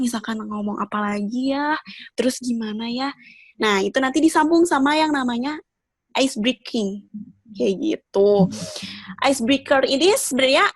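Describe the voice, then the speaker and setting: A woman with a fairly high voice leads an informal training talk. She addresses learners in an encouraging, conversational way and often puts questions to them. The sound is close and dry, with very little room in it. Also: dry recording. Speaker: public speaking trainer.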